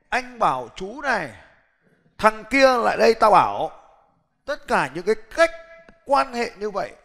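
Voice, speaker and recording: Middle aged guy giving a business seminar, pretty high voice, talks blunt and lively, lots of hall echo. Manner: lively, blunt, challenges the audience directly. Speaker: seminar speaker. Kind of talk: motivational business seminar talk. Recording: long hall reverb.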